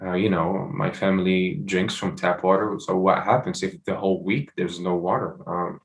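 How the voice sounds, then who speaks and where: A man's voice: deep voice, fairly even intonation, moderate pace. A young man from Morocco, a startup founder, answering interview questions with many fillers and restarts.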